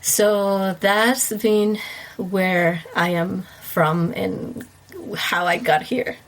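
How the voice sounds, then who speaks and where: A woman with an Ecuadorian Spanish accent talks through a podcast interview in a chatty, warm way, her voice a little stuffy from allergies. Spanish is her first language, and she fills her sentences with "um" and soft laughs. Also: medium pitch, flat delivery, extremely slow. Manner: warm, chatty, laughs often, many fillers. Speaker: guest, wedding planner.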